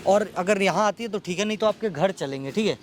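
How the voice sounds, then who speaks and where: A calm mediator, played by a man asks steady, probing questions in a rather high voice. Faint traffic noise sits behind him outdoors. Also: a little fast, close to an everyday voice.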